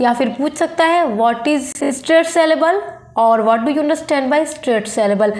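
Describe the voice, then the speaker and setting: A woman teacher going over exam questions, explaining each point in English and then again in Hindi, reading definitions slowly. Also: high voice, darkish tone. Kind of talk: exam-prep lesson in Hindi mixed with English.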